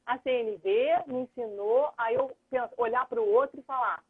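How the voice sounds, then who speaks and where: Husky woman on a tinny line. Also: a little high, normal speed. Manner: earnest, thinks aloud, acts out dialogue. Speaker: lawyer and mediator, guest. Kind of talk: explanatory live chat. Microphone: phone or computer on a video call. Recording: tinny phone-like livestream audio.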